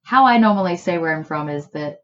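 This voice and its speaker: A woman from Australia, a poet, speaking thoughtfully in a quiet bedroom and reading her poems. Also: lowish voice, animated, brisk, highs cut off, faint music behind. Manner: thoughtful, musing. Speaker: poet guest. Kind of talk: reflective conversation and poetry reading.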